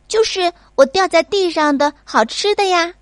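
A woman voicing a small, easily frightened child in a bedtime storybook, with a high pleading voice. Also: moderate pace, dry recording, clean studio sound. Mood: curious. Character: small scared little child, whiny.

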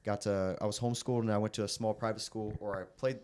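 A young man preacher sharing his testimony in a casual interview, earnest and halting with frequent restarts. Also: fairly low pitch, steady tone, darkish tone. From raised in the Philippines, American. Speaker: guest preacher.

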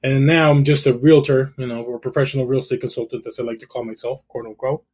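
A middle-aged man from El Salvador, a realtor who is a guest on an interview, telling his story in a relaxed way with dry, self-deprecating humor. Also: medium pitch, fast talker, husky.

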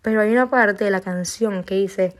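A woman's voice: medium pitch, normal speed. A young woman from Venezuela with a Venezuelan Spanish accent, chatting casually on her own show, rambling with frequent restarts and casual swearing. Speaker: podcast host. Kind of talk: casual solo chat.

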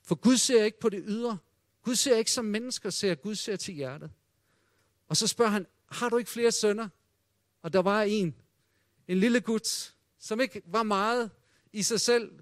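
High-voiced male preacher, dry sound. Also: no room sound. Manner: dramatic retelling with hushed quoted voices. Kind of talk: sermon.

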